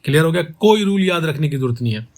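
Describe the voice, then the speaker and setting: A man teaching poetic meter, asking his students rhetorical questions and saying each word slowly to show how it is pronounced. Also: on the high side, expressive. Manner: asks rhetorical questions and repeats words slowly to show pronunciation. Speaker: poetry teacher. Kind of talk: explaining step by step to students.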